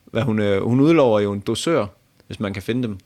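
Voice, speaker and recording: A man's voice: lowish voice, darkish tone. A man co-hosting a podcast, chatting casually with a friend, swearing and laughing often. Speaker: podcast co-host. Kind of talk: casual chat.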